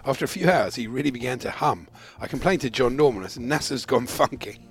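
A man's voice: mid-range voice, expressive, quick pace, vocal fry. A man setting questions in a podcast game, delivering scripted clues and punning gags amid casual chat. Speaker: podcast quiz setter.

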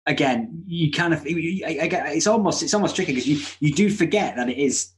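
A man co-hosting a casual film discussion, talking in a halting way and often restarting his sentences. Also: on the high side, a little hiss or hum. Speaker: film podcast co-host.

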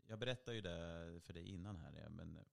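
A man with a very low, gravelly voice talks as a co-host in a casual chat. He speaks hesitantly and keeps restarting his sentences. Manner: hesitant, restarts often, many fillers.

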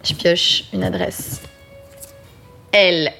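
A woman's voice: lowish voice, steady tone, slow, gravelly, bright, forceful tone, soft background music. A woman from France leading a casual songwriting session in a studio, guiding the steps and reading lyrics aloud. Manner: guiding, self-deprecating, reads lyrics aloud. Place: recording studio.

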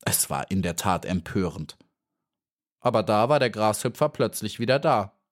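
A man narrating a children's audiobook in a calm, even storytelling manner. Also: lowish voice, moderate pace.

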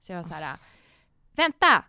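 A woman's voice: fairly low pitch, no room sound. A woman in her thirties hosting a casual chat, telling a story with energy and acting out the voices of the people in it. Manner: animated storyteller, acts out voices. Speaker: podcast host.

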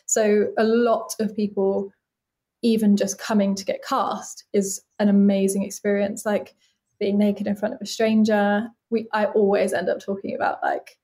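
A young woman in her late twenties chats openly and earnestly as an interview guest. She talks at an easy, unhurried pitch for her age, peppering her speech with "like" fillers. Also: little pitch movement, dark tone. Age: late 20s. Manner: chatty, open and earnest, many "like" fillers. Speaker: body casting artist, guest. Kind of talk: casual interview conversation.

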